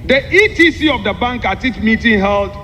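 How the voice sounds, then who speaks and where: A man delivering a formal parliamentary speech, explaining a document point by point in an emphatic, deliberate way with repeated phrases. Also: high-pitched, animated, bright, forceful tone. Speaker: member of parliament. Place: large parliamentary chamber. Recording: echoey hall with long reverb, background noise.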